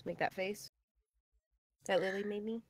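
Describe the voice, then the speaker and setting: A young woman guest on a casual podcast, silly, often trailing off quietly. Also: mid-range voice, fairly even intonation, a little slow, no room sound. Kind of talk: casual chat.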